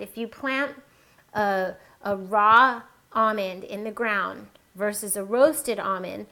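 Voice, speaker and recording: A woman's voice: mid-range voice, bright, forceful tone. A woman hosting a cooking demonstration, chatting and explaining each step as she works. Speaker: cooking show host. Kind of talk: casual recipe demonstration.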